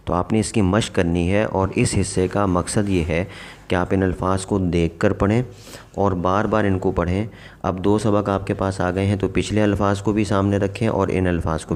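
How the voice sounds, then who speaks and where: A man explaining an English lesson patiently, repeating example words slowly for practice. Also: low voice, a little mellow. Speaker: English teacher.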